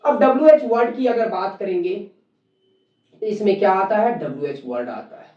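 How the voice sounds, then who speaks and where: The classroom recording here is distant, roomy and dull, capturing a man teaching English grammar on a whiteboard. He calls his students children and spells words letter by letter, speaking at a moderate pace in a high-pitched voice with big pitch swings.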